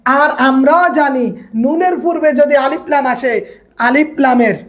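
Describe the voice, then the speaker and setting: A woman leads a grammar class. She has a high-pitched voice, states each rule, then asks it back as a question and answers it again. She calls on students by name to check they follow. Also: normal speed. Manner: repeats points and asks the class to echo them. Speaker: grammar instructor. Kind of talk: online class lecture.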